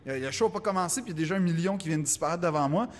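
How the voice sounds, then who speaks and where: Rapid-fire and on the high side, this Québécois-accented man spins a stand-up story in casual conversation, voicing its characters with animated acted quotes. The sound is big-room, with slight background noise.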